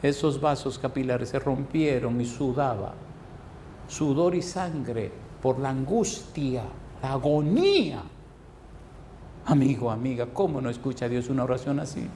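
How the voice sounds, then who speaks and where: In this sermon, a male pastor repeats phrases and puts rhetorical questions to his congregation. He swings between soft, slow passages and loud, high-pitched emphasis. There's slight background noise.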